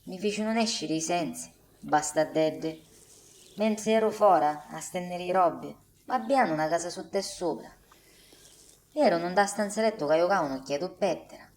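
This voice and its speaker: A woman's voice: lowish voice, normal speed, darkish tone, close to an everyday voice. A woman performs an exasperated working-class Catania wife in a comic film dub. She complains dramatically in broad Sicilian dialect, with a hot temper. There is noisy ambience behind her voice.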